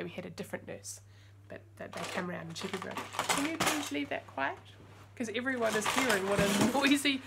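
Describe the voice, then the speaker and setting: A woman in her forties reads a picture book aloud with expression, chatting with young listeners in asides as a storytime reader. Her voice is fairly high-pitched, and the audio is very noisy. She's in a small room at home lined with bookshelves.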